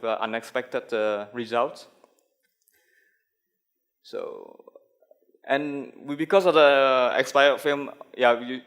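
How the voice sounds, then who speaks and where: A man's voice: mid-range voice, a bit bright. A young Malaysian man, a graphic designer, giving a conference talk with many fillers and restarts.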